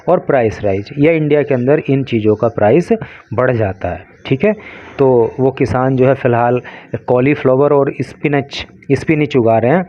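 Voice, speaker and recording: A man teaching English from a newspaper, reading English phrases slowly and then explaining their meanings in Hindi. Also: medium pitch, no echo, lo-fi sound.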